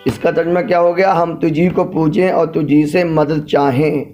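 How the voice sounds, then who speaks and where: A man giving a patient religious lesson, explaining each phrase and drawing out recited verses slowly. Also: on the high side, flat delivery, warm tone, soft background music. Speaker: religious teacher. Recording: dull lo-fi recording.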